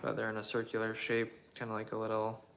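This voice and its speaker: A young man hosting a casual question-and-answer chat from his home kitchen, relaxed and rambling with lots of fillers and hedges. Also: fairly low pitch, quick pace, vocal fry, slight background noise. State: voice partly worn from shouting days before. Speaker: channel host answering viewer questions.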